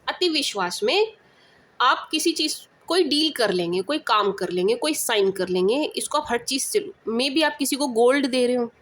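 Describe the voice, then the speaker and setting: Emphatic Indian woman tarot reader. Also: sits high. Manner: emphatic, repeats checks like "understand?"; affectionate pet names for listeners. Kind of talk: casual tarot reading to viewers.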